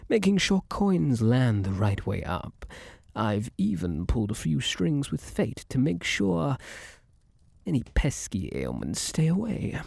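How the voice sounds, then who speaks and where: A man's voice: medium pitch, creaky, darkish tone, slightly rough, no room sound, full character voice. A man playing a suave, possessive luck spirit in an ASMR roleplay, flirtatious and theatrical, teasing and coaxing with pet names, close on the mic.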